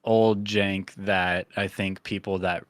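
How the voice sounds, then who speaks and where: A man hosting a podcast in casual chat, rambling with lots of fillers and getting animated when he tells a story. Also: deep voice, slow pace, clear, resonant tone, no echo, clean studio sound. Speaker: podcast host.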